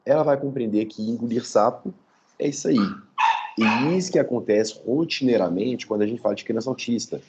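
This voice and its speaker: A male professor gives an online lecture from home, explaining things step by step in a didactic manner and checking in with listeners by asking "tá?". His medium-pitched voice moves fairly quickly. The audio is dull and very noisy, and a dog can be heard nearby.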